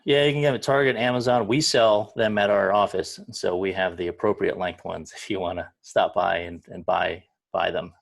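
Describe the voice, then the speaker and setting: A man's voice: low voice, steady tone, a little fast, vocal fry, hardly any pauses. A man coaching on a video call, explaining exercises plainly and repeating words as he restarts. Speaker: fitness coach. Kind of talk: casual instruction on a video call.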